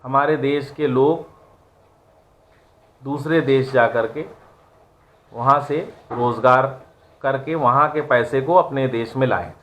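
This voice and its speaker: A man's voice: mid-range voice, slow, pauses often, fairly bright tone. A man teaching an online class, giving an earnest, preachy moral lecture full of rhetorical questions.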